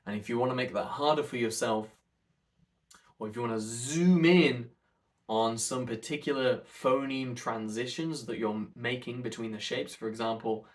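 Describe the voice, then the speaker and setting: A man coaching an articulation warm-up in an instructional, demonstrative way, with careful enunciation. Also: mid-range voice, normal speed. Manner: demonstrative, over-enunciates counts and sounds.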